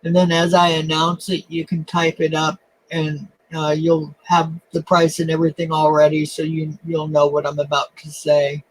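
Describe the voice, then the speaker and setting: A man's voice: on the high side, completely flat delivery, rough recording. Self-deprecating man chatting on his coin stream. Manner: self-deprecating, halting with fillers. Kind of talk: casual live-stream chat. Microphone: webcam.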